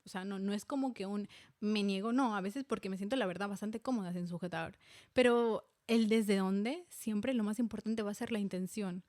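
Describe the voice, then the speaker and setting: A woman's voice: medium pitch, fairly quick, a little mellow, no room sound, clean studio sound. A woman in her thirties from Spain, talking candidly and reflectively as a podcast host, with many fillers and restarts. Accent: Spanish from Spain. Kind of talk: personal reflective monologue.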